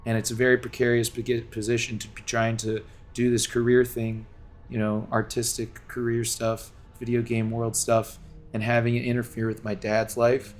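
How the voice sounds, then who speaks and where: Speaking from home, a Los Angeles game streamer delivers a long, earnest, rambling monologue to his viewers, full of restarts and filler words. His mid-range voice is monotone at normal speed, with faint music in the background.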